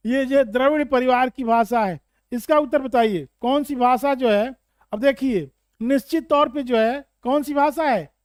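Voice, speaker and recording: A man teaching Hindi literature for exam prep, explaining slowly and repeating points with questions to students. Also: extremely high pitch, clear, resonant tone, dry recording, clean studio sound.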